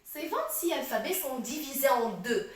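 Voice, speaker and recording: A woman teaching a French grammar lesson, explaining slowly, repeating herself and often checking that the class follows. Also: sits high, expressive. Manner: slow, repetitive explaining, checks understanding often. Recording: echoey, distant, faint noise.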